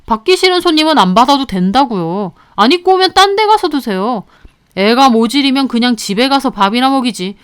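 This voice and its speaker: A woman voicing a rude, sneering male restaurant owner who mocks and shouts at people. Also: sits high, lively intonation, fairly quick, clear, resonant tone, dry recording, clean studio sound. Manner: shouting, mocking.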